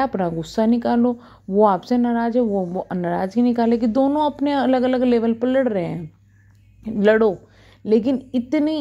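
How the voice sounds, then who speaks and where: A woman's voice: mid-range voice, warm tone, muffled recording. A woman in her thirties talking to camera as a vlogger, earnestly scolding and giving advice. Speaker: YouTube reaction vlogger.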